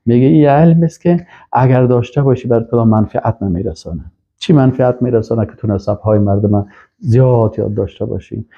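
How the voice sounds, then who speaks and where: A man's voice: mid-range voice, creaky, dark tone. A man teaching Islamic studies, reading Arabic phrases aloud and then explaining each one with emphatic rises. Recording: dull lo-fi recording.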